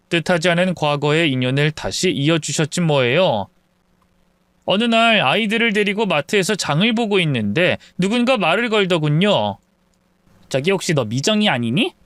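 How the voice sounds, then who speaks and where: A man narrating a first-person family story in a measured, even storytelling manner. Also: high voice, clear, resonant tone, dry recording.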